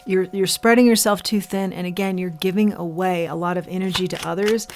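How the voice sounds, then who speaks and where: Earnest low-voiced woman reading tarot. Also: steady tone, noisy background. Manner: earnest, repetitive, drawn-out card names. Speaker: tarot reader.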